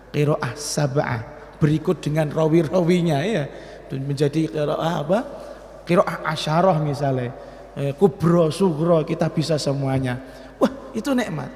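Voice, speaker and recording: Lively Central Javanese religious teacher, echoey hall. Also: male voice, a little high. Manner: lively, asks the audience questions, switches into Javanese. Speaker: Islamic teacher. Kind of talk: Ramadan kitab study lecture. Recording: echoey hall with long reverb.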